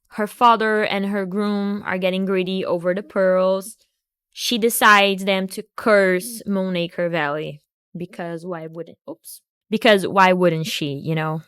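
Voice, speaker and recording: A woman's voice: medium pitch, fairly bright tone, clear, resonant tone, no room sound, studio quality. A woman hosting a video, giving a casual recap of a film and book with joking asides and restarts. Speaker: video host.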